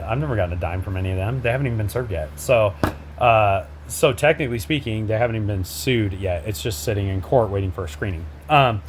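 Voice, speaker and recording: A man hosting his own show, bluntly addressing people directly to camera in a confrontational way, with many pauses and fillers. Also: medium pitch, a little hiss or hum. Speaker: host, a father speaking out.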